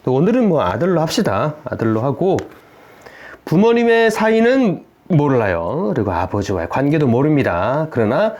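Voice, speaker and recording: Male family therapist lecturing parents, a bit high-pitched, very lively intonation, peppers the talk with rhetorical questions. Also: moderate pace. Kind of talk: explanatory video lecture.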